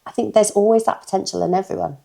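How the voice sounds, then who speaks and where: A woman's voice: mid-range voice, steady tone, quick pace, vocal fry, warm tone. A woman hosting a podcast interview, supportive and affirming, often answering with short agreements. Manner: supportive, affirming with frequent "mm" and "yeah". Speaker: podcast host.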